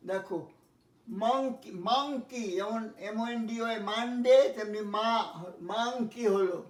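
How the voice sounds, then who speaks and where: A man teaching English pronunciation, spelling words letter by letter and repeating each one slowly. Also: extremely high pitch, fairly even intonation, distant mic. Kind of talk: pronunciation lesson. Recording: echoey room, voice from off-mic.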